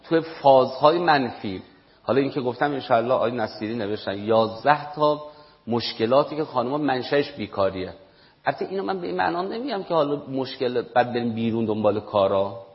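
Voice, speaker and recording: Emphatic man lecturing in echoey hall. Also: medium pitch. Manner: emphatic, repeats key points, rising to stress. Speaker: lecturer on parenting and family. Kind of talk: lecture to an audience. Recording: dull echoey hall recording.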